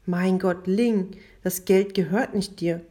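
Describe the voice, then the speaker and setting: A woman voicing a calm, gently firm mother in a storybook reading. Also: lowish voice, slow pace. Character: patient, firm widowed mother.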